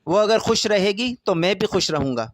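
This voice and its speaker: Earnest devoted young husband, firm, high-pitched voice, dry sound, played by a male narrator. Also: animated, dry recording.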